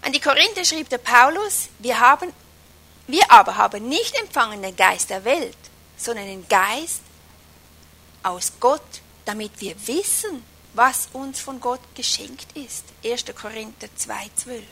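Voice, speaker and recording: High, bright woman preaching with emphasis. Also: lively intonation, husky. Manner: emphatic, varies loudness a lot, drops to a whisper at times; slows down to stress key phrases. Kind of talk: sermon.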